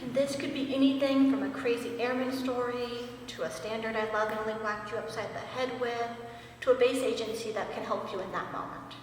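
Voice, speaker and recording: A woman's voice: on the high side, fairly even intonation, fairly quick, a little hiss or hum. Woman speaking at a ceremony in an echoey hall. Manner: earnest, wry, emotional at times. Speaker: master sergeant giving a promotion speech. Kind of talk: ceremony speech. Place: large indoor hall. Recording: echoey hall, mic far off.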